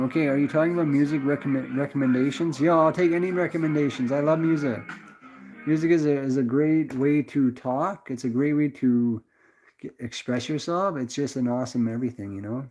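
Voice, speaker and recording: Slightly high and darkish in tone, a young man's Canadian-accented voice drifts casually through a livestream as he responds to chat and addresses viewers as brother. The audio has a slightly dull, lo-fi quality.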